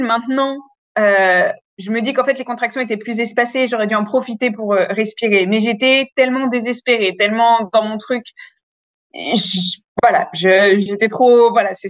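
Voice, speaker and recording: A woman in her thirties frankly telling a long personal story in a casual, animated way, with many fillers. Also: on the high side, dry recording, clean studio sound. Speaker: interview guest.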